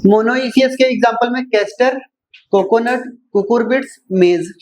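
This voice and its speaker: A teacher lecturing to a class, mixing in technical English terms. They often pause to check "clear?" and then answer their own questions. Key terms come slowly and get repeated, in a voice of middling pitch. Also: a little mellow, slight background noise, low-quality recording.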